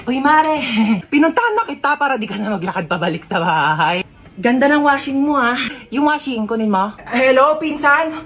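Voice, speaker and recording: A woman acting out short comic skits, jumping between characters in a lively way. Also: sits high, normal speed, faint music behind. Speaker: comedy skit creator. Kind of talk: comic skits playing several roles.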